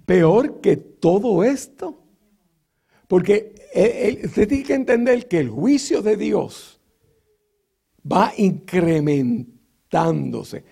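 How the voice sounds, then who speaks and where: A high-voiced man preaches a sermon with a gravelly, creaky edge and a dark tone, teaching from scripture at a slow, unhurried pace. He's very animated, asking rhetorical questions and filling gaps between phrases with frequent filler sounds and restarts.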